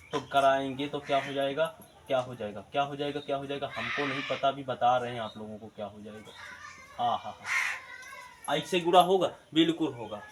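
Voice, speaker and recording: Over slight background noise, a man with a voice on the high side gives a classroom-style math lesson video. He casually asks questions and then answers them himself, using colloquial eastern Hindi words.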